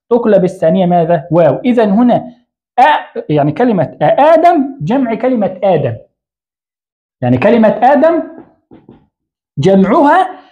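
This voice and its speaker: A man's voice: high-pitched, muffled recording. A man teaching Arabic grammar in an online lesson. He writes on a board as he explains, asks the learner a question, answers it himself, and often corrects his own slips.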